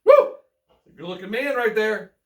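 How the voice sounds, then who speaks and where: Reading a children's picture book as a bedtime story, a man with a high voice and huge pitch swings goes at a measured pace, folksy and playful, repeating himself and adding chatty asides. The mic is distant, and the room is roomy and echoey.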